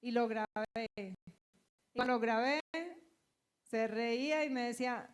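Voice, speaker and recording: A woman's voice: fairly high pitch, measured pace. Colombian woman pastor preaching. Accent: Colombian Spanish. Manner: animated storytelling, acting out quoted voices. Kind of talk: sermon with personal anecdotes.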